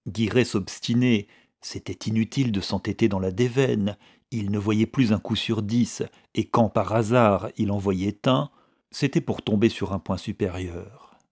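Slow husky male narrator. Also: on the low side, steady tone, darkish tone. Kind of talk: audiobook reading of a novel.

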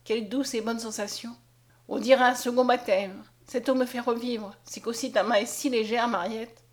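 A woman voicing a gentle, soft-spoken blind young man in an audiobook reading. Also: fairly high pitch, fairly even intonation, normal speed, close to an everyday voice. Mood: tender. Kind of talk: audiobook character voice.

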